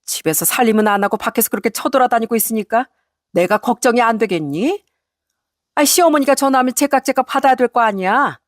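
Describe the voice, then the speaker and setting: A woman voicing a furious, domineering older mother-in-law who scolds in a shrill, shouting voice. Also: lively intonation, a little slow, no echo, clean studio sound, close to an everyday voice. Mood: furious scolding.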